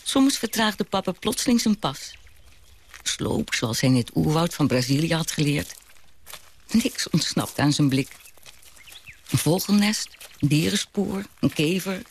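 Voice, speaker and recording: An actor voicing a grown child who wistfully looks back on a childhood home, in a radio drama. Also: male voice, a little high, lively intonation, a little slow, a little hiss or hum. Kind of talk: reflective radio drama narration.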